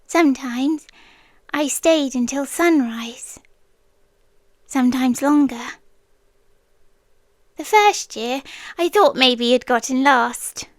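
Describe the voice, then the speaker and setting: A woman with a high British voice plays a wistful, inhuman forest being, a devoted childhood friend in the form of a yandere girlfriend. In this ASMR roleplay she speaks extremely slowly and intimately, often slipping into whispers. The close, dry, studio-style mic captures no echo.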